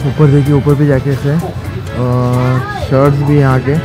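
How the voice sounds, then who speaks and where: A man's voice: medium pitch, little pitch movement, normal speed, music in the background. A young man from India walking a busy market, chatting to viewers and pointing things out, filmed on a handheld camera. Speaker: travel vlogger. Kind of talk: walking-tour vlog. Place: busy outdoor and covered market. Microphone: handheld camera at arm's length.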